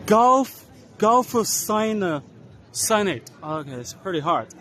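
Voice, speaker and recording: A man casually narrating a walking tour of a trade expo, unhurried, spelling out brand names letter by letter as he walks. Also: high-pitched, sing-song, a bit bright. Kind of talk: casual walk-and-talk narration. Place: large indoor trade expo hall.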